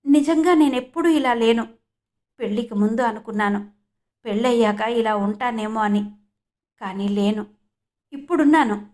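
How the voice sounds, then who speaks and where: A woman's voice: on the high side, moderate pace, pauses often, a little mellow, natural voice. A woman voicing a young woman who has just become an assistant professor, speaking eagerly in an audiobook. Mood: elated.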